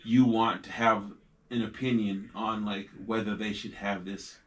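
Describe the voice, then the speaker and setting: A laid-back man hosting a podcast, his voice sitting a little low. He swears casually and keeps saying "like" and "yeah" as he chats with guests. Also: level tone, measured pace, far from the mic. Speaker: podcast host. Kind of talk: casual chat.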